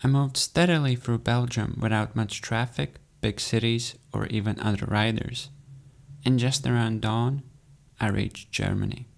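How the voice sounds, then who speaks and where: A young man from Latvia, giving calm, matter-of-fact voice-over narration of his own journey. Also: medium pitch, unhurried, gravelly. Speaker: cyclist recounting a race. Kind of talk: scripted narration.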